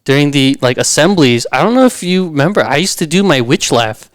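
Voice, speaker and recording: A man's voice: a little high, very animated, brisk, no room sound, studio quality. A man who is a chef and restaurant owner, talking as a podcast guest in a casual, rambling way full of restarts and fillers. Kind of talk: casual conversation.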